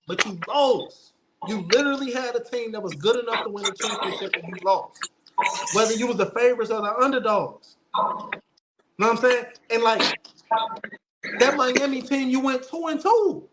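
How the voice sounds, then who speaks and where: A man with a high-pitched voice talks sports in a casual, opinionated way. He is emphatic and insistent, repeating phrases to drive them home. There is clear noise behind him. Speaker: host of a basketball debate show.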